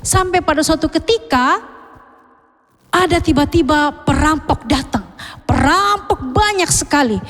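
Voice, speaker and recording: A Sunday school teacher, telling a story to children and asking them questions, with a long hall reverb. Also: female voice, high voice, a little slow. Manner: lively, questioning the children often.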